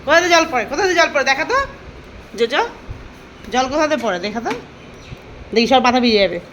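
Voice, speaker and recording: Woman pet owner, high voice, coaxing baby-talk with dogs, noisy home phone recording. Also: lively intonation, quick pace, fairly bright tone. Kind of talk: casual home vlog talk to pets.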